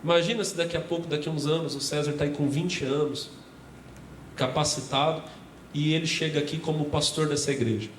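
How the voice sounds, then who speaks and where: A Brazilian Portuguese-accented man preaches to his congregation, speaking in a fairly high voice and calling them brothers as he tells a story. He acts out the voices of the story's people. The sound is roomy, with the echo of a church hall and a faint hum of ambience behind him. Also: steady tone, fairly quick. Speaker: pastor. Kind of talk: sermon.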